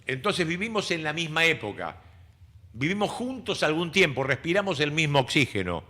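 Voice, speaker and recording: Sing-song and a little high, the voice belongs to an Argentine man in his sixties who hosts radio and teaches speech. At a moderate pace and with a bright, forceful tone, he explains word usage didactically in casual radio talk, speaking Argentine Spanish.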